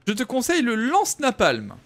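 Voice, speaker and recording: A man's voice: extremely high pitch, huge pitch swings, brisk, fairly bright tone. A young man casually commenting on his game live, thinking aloud and answering viewers in chat. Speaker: streamer.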